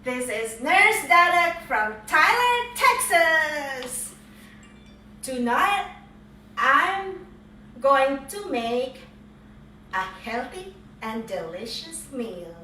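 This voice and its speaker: A middle-aged woman talks through a home cooking video in a playful, chatty way, with a bright, high voice and a very unhurried pace. She sounds a little distant in an echoey kitchen, with faint kitchen noise behind her. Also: big pitch swings. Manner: playful, chatty, cheery exclamations. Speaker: home cook. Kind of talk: casual cooking vlog narration. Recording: echoey room, voice from afar.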